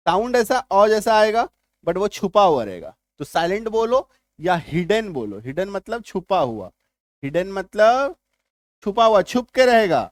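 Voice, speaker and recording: A male tutor gives a Hindi-language lesson on English spelling rules at an unhurried pace, repeating each sound patiently. He often stops to check that learners have understood. His voice is close and dry, with no room around it. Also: high voice, no echo. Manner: slow and repetitive, often checking that viewers follow. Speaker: English teacher.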